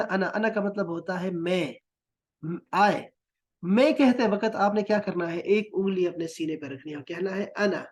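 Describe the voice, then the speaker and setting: A man teaching Quranic Arabic words in a recorded lesson, patiently drilling and repeating them. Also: high voice. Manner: patient, repetitive drilling with gestures.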